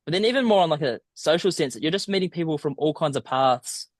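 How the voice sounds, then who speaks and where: A man's voice: on the high side, lively intonation, quick pace, no echo, studio quality. A young man with a broad southern New Zealand accent, chatting informally and a little hesitantly as an interview guest. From small town in southern New Zealand. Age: young adult. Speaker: podcast guest, student abroad. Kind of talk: casual interview.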